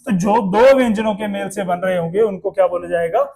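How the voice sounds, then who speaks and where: High-voiced Hindi teacher quizzing a class. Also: male voice, brisk, gravelly, dark tone. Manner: asks the class questions and drills pronunciation. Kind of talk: classroom lesson.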